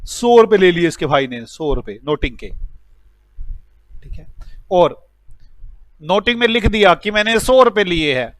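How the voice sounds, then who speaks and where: A man's voice: sits high, animated, unhurried, pauses often, fairly bright tone, no echo. A male accounts teacher lecturing a class by telling a story with quoted dialogue and asking the students whether they follow. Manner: acts out a story with quoted dialogue, checks understanding with questions.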